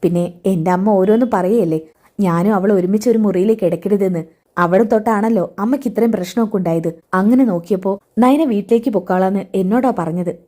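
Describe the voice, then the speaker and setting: A woman reading the part of a calm, caring young man who soothes a pregnant relative. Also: mid-range voice, fairly quick, close to an everyday voice. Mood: evasive. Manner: soothing, reassuring, turns flustered when hiding things.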